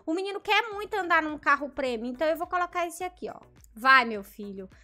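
High, lively Brazilian woman gaming. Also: brisk. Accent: Brazilian Portuguese. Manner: excited, gasping, reading other players' chat aloud. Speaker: Roblox gameplay host. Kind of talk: casual gameplay commentary.

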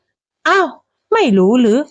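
A woman's voice: slow, dry recording, dull audio, close to an everyday voice. A woman voicing a gossipy old neighbor woman who chats and soothes.

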